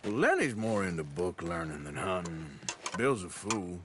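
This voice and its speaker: An actor playing a rugged, gruff outlaw gunman in a video game drama, with a dry, sarcastic manner. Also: low-pitched, very animated, normal speed, a bit bright, slight background noise. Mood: dry, sardonic.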